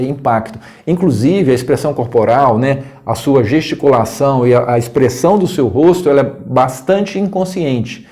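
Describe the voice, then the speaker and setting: Brazilian man coaching, chatty and expressive. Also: medium pitch. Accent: Brazilian Portuguese. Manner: conversational, tag questions, acts out tones of voice with laughs. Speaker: coach and educator. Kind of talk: casual video lesson to camera. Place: indoors, room with scouting decor corner.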